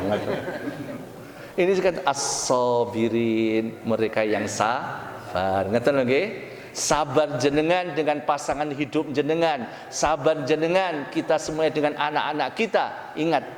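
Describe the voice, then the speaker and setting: A man with a Javanese accent preaching a sermon, asking the congregation questions and stretching out Arabic phrases slowly. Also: a little high. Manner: call-and-response questions to the congregation; drawn-out slow Arabic phrases. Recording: echoey hall.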